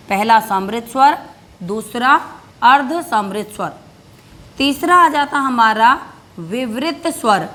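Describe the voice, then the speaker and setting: Teacher lady with a higher voice going over grammar, keeps asking then answering herself, slows down for notes. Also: fairly bright tone. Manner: repetitive, asks and answers her own questions. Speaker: Hindi teacher. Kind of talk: classroom-style grammar lesson.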